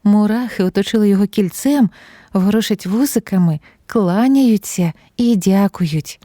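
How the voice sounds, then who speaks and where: A woman narrating a fairy tale audiobook with calm, gently expressive storytelling. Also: mid-range voice, moderate pace, dry recording, clean studio sound.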